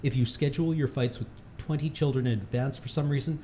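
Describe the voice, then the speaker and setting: Reading for a charity livestream, this man delivers a humor article in a mock-serious, instructional style and keeps bursting into laughter. He speaks fast, with a mellow, mid-range voice and fairly even intonation, in an echoey room with faint noise behind him.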